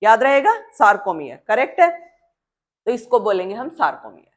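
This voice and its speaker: A woman teaching a biology lesson while drawing. She keeps quizzing her students and answers her own questions, and she slows right down to drill key terms. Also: fairly high pitch, sing-song. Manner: drills terms slowly and repeats them.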